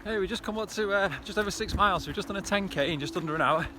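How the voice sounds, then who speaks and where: Speaking very fast in a high-pitched voice over music, a man runs along a hillside trail near reservoirs. He addresses viewers in a casual, encouraging vlog manner.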